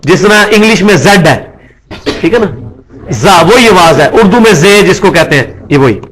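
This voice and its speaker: A man's voice: high-pitched, lively intonation, fairly bright tone. A man giving a classroom lecture as a religious teacher, explaining patiently and often checking in with his listeners. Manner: mixes English words into his speech.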